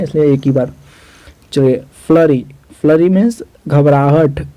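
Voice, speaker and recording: A man's voice: fairly high pitch, mellow, no echo, poor audio. A young man teaching English word meanings, spelling each word out letter by letter and repeating the meanings. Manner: addresses viewers as "guys". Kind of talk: vocabulary lesson.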